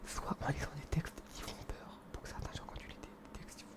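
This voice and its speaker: A young man whispering in a hushed, breathy library whisper as he presents books in an informal, earnest, hesitant ASMR style. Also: moderate pace.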